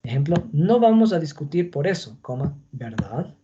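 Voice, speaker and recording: Patient male Spanish teacher, mellow voice. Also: a little high, very animated, dull audio, slight background noise. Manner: patient, explains slowly, checks with "¿ok?". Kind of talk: online class on Spanish punctuation.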